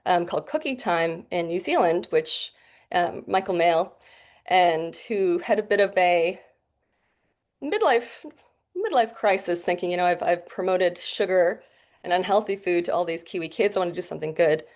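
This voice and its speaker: Here a guest doctor, a woman in her forties from the Bahamas with a North American accent, shares her story in a laid-back interview, chatting and laughing. Her fairly low voice is animated and a little mellow, at a moderate pace.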